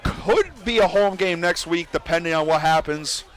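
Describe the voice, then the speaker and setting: A young man calling college football play-by-play, excitable and getting loud on big plays, outdoors at a stadium. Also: on the high side, moderate pace. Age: young adult. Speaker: play-by-play commentator.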